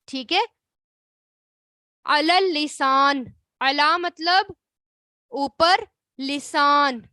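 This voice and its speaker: Bright high-voiced woman teaching slowly. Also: no room sound, clean studio sound. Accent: Pakistani Urdu. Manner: explains slowly, drawing out words and repeating them; asks the class questions and answers them herself. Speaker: Arabic grammar teacher. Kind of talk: online class lesson.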